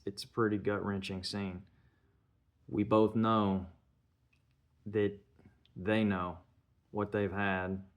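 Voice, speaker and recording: A man giving a casual spoken film review, retelling the scenes step by step and slipping in bits of dialogue. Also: sits low.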